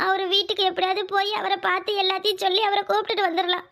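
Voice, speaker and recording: Casting: woman playing a young cartoon village woman with a southern Tamil Nadu dialect, high and bright, earnest and determined. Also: little pitch movement, rapid-fire. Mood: anxious. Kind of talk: cartoon voice acting.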